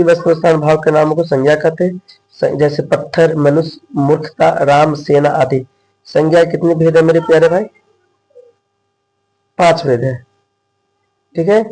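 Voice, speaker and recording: A man's voice: a little high, fairly even intonation, moderate pace, long pauses, warm tone, rough recording. A young man teaching Hindi grammar in a coaching-class lecture. He repeats each point, quizzes his students and keeps calling them his dear brothers.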